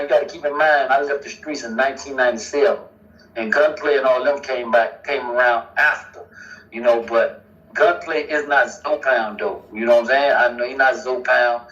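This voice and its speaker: A man talks fast in a flat, even tone as an interview guest. His voice comes through muffled and from a distance, like played-back audio. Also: mid-range voice. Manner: fast, flat, hedging with "you know what I'm saying". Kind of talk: casual interview over a call.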